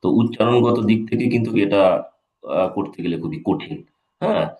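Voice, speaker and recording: A man's voice: lowish voice, fairly quick, a little mellow. A man, an English teacher, giving a live exam-prep lecture, repeating key points and checking in with his students. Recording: echoey room.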